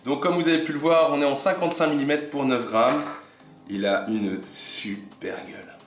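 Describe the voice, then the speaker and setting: A man hosting a casual unboxing vlog, chatting admiringly about what he shows and often dropping to a soft murmur. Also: fairly high pitch, moderate pace. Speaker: fishing channel host. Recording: echoey room with faint music.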